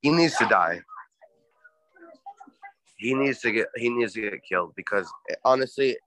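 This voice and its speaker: A man's voice: medium pitch, moderate pace, sharp tone. A man co-hosting a casual podcast, ranting in a heated, profane way. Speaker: podcast co-host.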